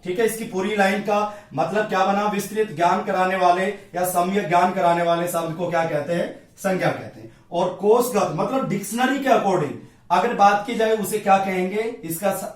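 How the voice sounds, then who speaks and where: A male Hindi grammar teacher giving an exam-prep lecture at a board, drilling each point by asking a question and answering it himself. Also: sits high. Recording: echoey room, voice from a distance.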